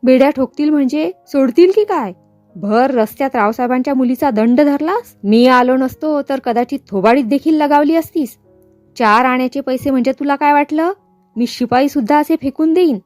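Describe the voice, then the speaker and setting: A woman's voice: sits high, normal speed, a little mellow, no echo, soft background music, lightly acted. A woman voicing a bold, brash young man who defiantly rebukes a shopkeeper.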